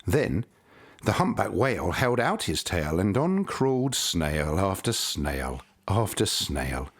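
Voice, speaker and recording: A man reads a children's story aloud. His voice is low and a bit rough at the edges. He takes his time and varies his pitch dramatically as he narrates. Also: big pitch swings, slow pace. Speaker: school story reader. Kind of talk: expressive children's storybook reading.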